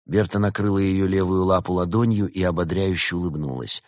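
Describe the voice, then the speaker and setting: A man narrating an audiobook in an expressive, animated reading. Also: low voice, fairly quick, no room sound, studio quality.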